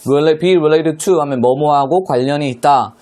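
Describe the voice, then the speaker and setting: A man's voice: fairly high pitch, unhurried, a little mellow. Man teaching an English lesson. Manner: explains step by step, asks rhetorical questions. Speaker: high school English teacher. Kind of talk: online classroom lecture explaining a textbook.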